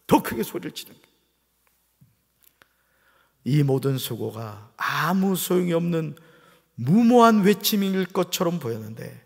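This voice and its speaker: A man's voice: high-pitched, vocal fry. A male pastor preaching a sermon with emphatic delivery, pulling call-and-response from the congregation. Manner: emphatic preaching, rising to shouts, drawing replies from the congregation. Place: church sanctuary. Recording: reverberant church sanctuary.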